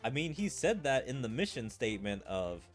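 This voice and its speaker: Over soft background music, a gaming streamer reads the game's dialogue aloud theatrically and throws in his own commentary. His medium-pitched voice is sing-song, at a normal speed.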